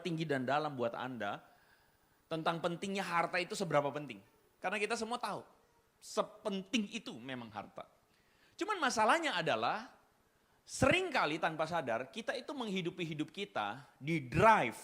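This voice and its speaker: A male pastor preaching a sermon in church, telling stories with animated asides and English words mixed in. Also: sits high.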